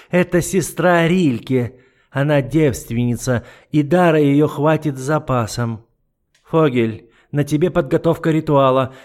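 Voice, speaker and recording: A man's voice: a little high, voice pushed up, close to an everyday voice. A man voicing a cold, cruel, scheming duke in an audiobook, condescending and mocking. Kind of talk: audiobook character voice.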